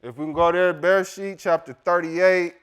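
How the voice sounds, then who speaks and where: A man's voice: sits high, fairly even intonation, a bit bright, clear, resonant tone. Chatty man leading a Bible study. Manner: chatty, quizzes the group, Southern-style "y'all"; reads scripture aloud slowly. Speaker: Bible teacher. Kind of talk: casual Bible study teaching.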